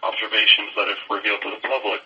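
A man's voice: completely flat delivery, racing, pushed and bright, recorded from a distance. Man in a worn, muffled old recording. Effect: worn, low-quality played recording. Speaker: interviewee. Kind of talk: recorded interview answer. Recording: dull lo-fi audio from off-mic.

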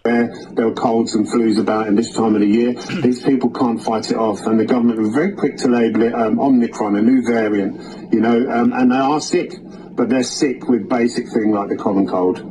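A man, a funeral director, giving a spoken video update in a hesitant way with many ums, heard through low-quality streamed video audio. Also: steady tone, moderate pace, background noise. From United Kingdom.

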